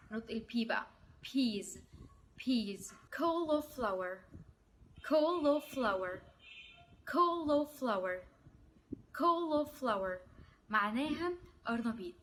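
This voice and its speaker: Slow-drilling Egyptian woman teacher. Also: fairly high pitch, slight background noise. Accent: Egyptian Arabic. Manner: repeats each word slowly three times, splits words into syllables. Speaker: English teacher. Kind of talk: vocabulary lesson.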